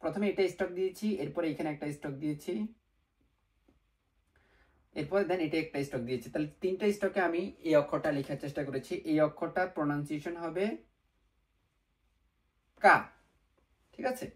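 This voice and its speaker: A man's voice: on the high side, fast talker, a little mellow. A man teaching a beginner lesson step by step, patiently repeating each sound and asking rhetorical questions, with English words slipped into his speech. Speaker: language teacher.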